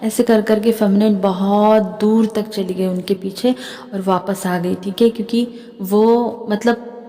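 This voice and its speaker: A woman's voice: mid-range voice, steady tone, unhurried, mellow, big-room sound. A woman with an Indian accent, a spiritual healer and tarot reader, talking to camera in a chatty way and often checking in with her listeners. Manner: chatty, keeps adding "theek hai". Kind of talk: spiritual channeling talk to camera.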